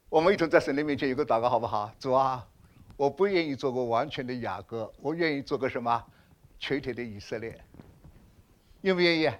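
A man preaching a sermon, asking the congregation questions, swinging between loud exclamations and hushed asides. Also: medium pitch. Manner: animated, rhetorical questions to the congregation.

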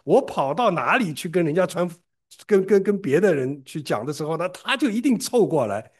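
A man from preaching a sermon, telling a story in an animated way and often repeating and restarting words. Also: moderate pace. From Shanghai, China. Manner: animated storytelling with big pitch swings and frequent repeated restarts.

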